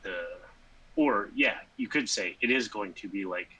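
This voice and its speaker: A man co-hosting a casual sports podcast, rambling with lots of fillers and sudden animated bursts. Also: fairly low pitch, a little slow, slightly rough, rough recording. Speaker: podcast co-host.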